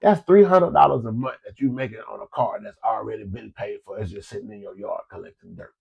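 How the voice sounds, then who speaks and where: Speaking briskly on the low side, with creak and a breathy edge, a man from Florida shares folksy business advice while stuffed up from a cold. His casual, repetitive motivational talk comes through dull audio.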